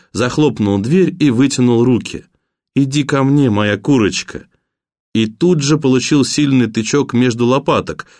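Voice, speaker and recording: A man narrating a crime novel in a steady, even storytelling voice. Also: mid-range voice, no room sound, clean studio sound. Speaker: audiobook narrator. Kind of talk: audiobook narration.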